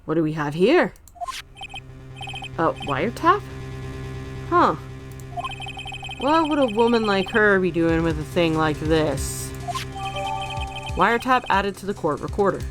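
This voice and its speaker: A woman's voice: on the low side, lively intonation, a little slow, long pauses. A woman hosting a game playthrough, reading dialogue and narration aloud and adding casual comments. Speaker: let's play host. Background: game music.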